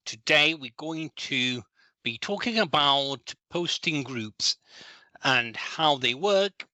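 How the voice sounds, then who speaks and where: A man's voice: a little high, expressive, slow, sharp tone, dry recording. A middle-aged man from Italy, giving a live online training webinar over a video call. He explains patiently and often restarts his phrases. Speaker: trainer and consultant.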